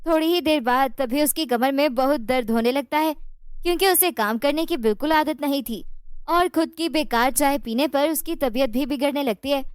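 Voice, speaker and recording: High-voiced woman narrating a story. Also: normal speed, dry recording, studio quality.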